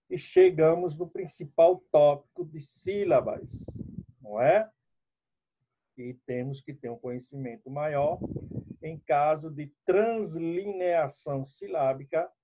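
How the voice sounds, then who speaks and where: A man's voice: a little high, mellow. A man teaching a lesson, explaining rules step by step and speaking straight to his students. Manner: explanatory, addresses students directly. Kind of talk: classroom lesson. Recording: dull lo-fi recording.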